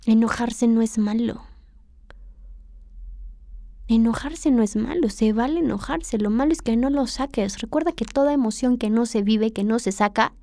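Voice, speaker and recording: Candid Mexican woman, higher voice. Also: moderate pace, warm tone, no echo. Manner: candid, confessional, addresses the listener directly. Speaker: podcast host. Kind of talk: reflective personal monologue.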